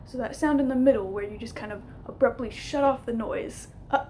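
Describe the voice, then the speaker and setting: A young adult woman with a slightly high voice talks through an informal lesson to camera. She explains step by step, a little hesitantly. The home recording has some noise behind her. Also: a little fast, mellow. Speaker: linguistics teacher. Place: small room at home, indoors.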